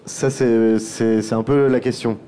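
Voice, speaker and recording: Mellow-voiced man explaining at length. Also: medium pitch, steady tone, unhurried, clear, resonant tone. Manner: talkative, restarts phrases often. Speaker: podcast producer. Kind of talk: round-table discussion.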